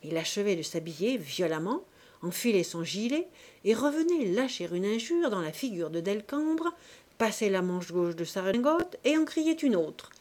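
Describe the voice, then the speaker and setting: A woman reading a classic novel aloud as an audiobook narrator, expressive and dramatic, dropping to softer passages. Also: medium pitch, normal speed. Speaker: audiobook reader. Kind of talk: scripted narration.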